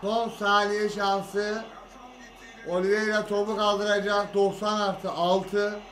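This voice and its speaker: A man reacting live to a football match, calling the play, shouting at players and cursing. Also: high-pitched, little pitch movement, takes it slowly, soft background music. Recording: roomy echo.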